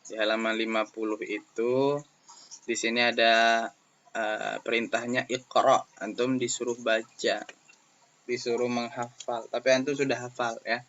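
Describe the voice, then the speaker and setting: An Indonesian-accented man teaches Arabic to young pupils. He stretches out sounds and repeats words in emphatic drills. His voice is bright and slightly high, his pace very slow, and the recording is dull and lo-fi. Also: flat delivery. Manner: drawn-out, emphatic pronunciation drills. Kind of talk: classroom lesson video.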